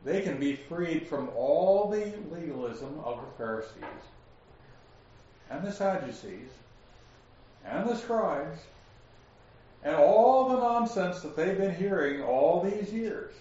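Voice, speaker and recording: Slow-talking man teaching Bible class. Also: on the high side, lively intonation, mellow. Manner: slow, explanatory, asks the class questions. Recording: echoey room, distant lo-fi mic.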